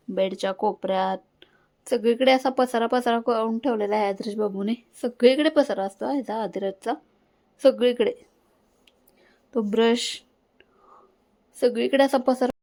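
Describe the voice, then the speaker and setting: Young mum vlogger, slightly high voice, chatty home talk straight to camera on a phone. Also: female voice, a little mellow, low-quality recording. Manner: chatty, homely, talks straight to viewers. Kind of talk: casual home vlog chat. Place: home, indoors. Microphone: phone held at hand.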